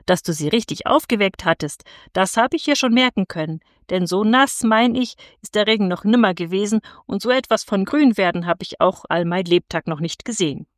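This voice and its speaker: A woman's voice: medium pitch, expressive, a little fast, few pauses, no echo, studio quality, lightly acted. A woman voicing a cheerful young male farmer in a storybook, hearty and plain-spoken.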